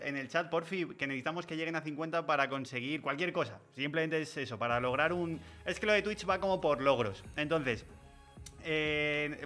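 A man's voice: fairly high pitch, bright, forceful tone. A man chatting playfully on a livestream, joking and laughing often. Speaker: miniature painting streamer. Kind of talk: casual livestream chat.

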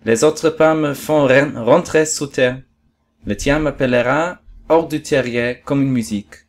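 A man voicing a lonely, wistful male fox who speaks gently and patiently, with earnest pleading. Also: mid-range voice, a little slow, close to an everyday voice.

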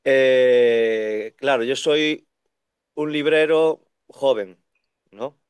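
A man in his thirties, a second-hand bookseller, chatting on a video call in an animated way, talking in long runs. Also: medium pitch, extremely slow, smooth, dry recording. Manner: animated, talks in long runs and acts out quoted voices. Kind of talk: casual conversational interview. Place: bookshop with full shelves behind. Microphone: video call webcam.

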